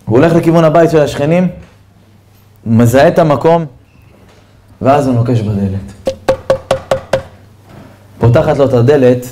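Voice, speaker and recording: A man, a rabbi, giving a storytelling sermon in an animated way and speaking straight to his listeners. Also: mid-range voice, pauses often, a little hiss or hum. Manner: animated storyteller who addresses listeners directly. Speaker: rabbi giving a Torah lesson.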